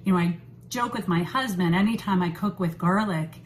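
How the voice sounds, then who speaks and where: A woman in her thirties hosting a home vlog, talking to camera in a relaxed, chatty way with lots of "you know" fillers, recorded in her kitchen on a phone or webcam at arm's length. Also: on the low side, normal speed, slight background noise, poor audio. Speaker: host. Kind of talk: casual talk to camera.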